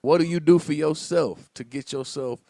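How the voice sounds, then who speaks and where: A man's voice: a little high, moderate pace, vocal fry, warm tone. A man co-hosting a casual podcast chat, teasing and telling stories, often repeating his phrases. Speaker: podcast co-host.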